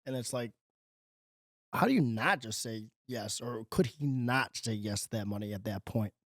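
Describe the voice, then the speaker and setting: A man's voice: mid-range voice, normal speed, a bit bright, dry recording, studio quality. A man chatting casually as a panelist on a golf show. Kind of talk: casual chat.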